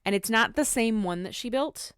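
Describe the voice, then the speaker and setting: A woman's voice: on the high side, expressive, normal speed, fairly bright tone, clean tone, no echo, studio quality. A woman hosting a podcast, recapping in an informal, giggly, chatty way. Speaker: podcast host. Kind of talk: casual chat, recapping a talk.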